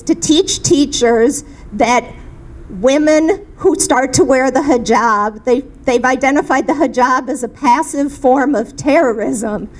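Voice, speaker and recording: Earnest woman, higher voice. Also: darkish tone, poor audio. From Minnesota, USA. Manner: earnest, halting with restarts. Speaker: community activist. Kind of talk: panel discussion remarks.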